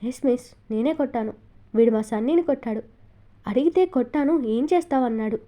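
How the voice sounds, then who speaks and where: A woman's voice: on the high side, a little fast, dull audio, lightly acted. A woman voicing a cocky, hot-tempered little schoolboy in a storybook reading, speaking brashly. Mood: defiant. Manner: brash, defiant.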